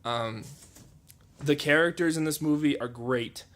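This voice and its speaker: A man's voice: on the high side, a little slow, a bit bright. Sarcastic young man reviewing a film. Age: 20s. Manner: sarcastic, joking. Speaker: movie reviewer. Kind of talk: comedic movie review.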